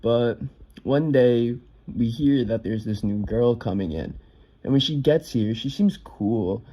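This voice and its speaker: A man's voice: medium pitch, a little slow, warm tone, lo-fi sound. A young man casually telling a personal story, offhand, swearing now and then with lots of fillers.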